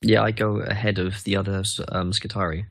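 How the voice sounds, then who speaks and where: Low-voiced casual man playing a tabletop game. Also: little pitch movement, brisk, vocal fry, no room sound. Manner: casual, swears, argues rules. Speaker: player.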